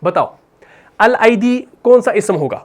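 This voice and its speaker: Urdu grammar teacher asking himself questions. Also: male voice, sits high, expressive. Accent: Pakistani Urdu. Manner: repeats questions and answers them himself, adds "bhai" and "theek hai na"; reads Quran verses in a slow recitation. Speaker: Arabic grammar and Quran teacher. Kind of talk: explaining grammar while writing on a board.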